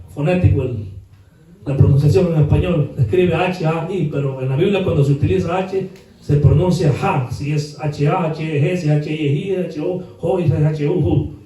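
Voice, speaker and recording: A high-voiced pastor from El Salvador delivers a sermon in a church, standing back from the mic so his voice rings through a very echoey hall recorded from a distance. At a moderate pace and with fairly even intonation, he drops into quiet asides, then bursts into shouts and fires rhetorical questions at the congregation.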